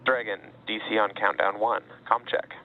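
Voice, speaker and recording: A man's voice: lowish voice, fairly even intonation, normal speed. A man working as a launch controller, speaking in clipped, procedural astronaut radio style over a radio link. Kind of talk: astronaut radio comm checks. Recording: tinny radio line with light noise.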